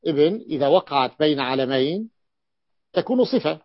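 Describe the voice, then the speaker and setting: A man's voice: on the high side, expressive, moderate pace, dry recording. Man teaching grammar, dull dry recording. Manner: repeats key phrases, asks and answers his own questions. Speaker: sheikh teaching rhetoric. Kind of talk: classroom lesson explaining Arabic grammar.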